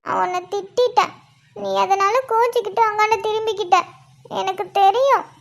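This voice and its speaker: A very high, squeaky cartoon wife, tipsy and clingy. She pleads and teases in a childish, whiny way. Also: steady tone, moderate pace.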